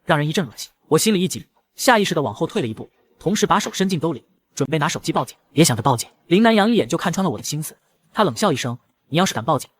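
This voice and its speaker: Fast, husky male storyteller. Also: a little high, sing-song. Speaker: narrator. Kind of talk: scripted first-person story narration.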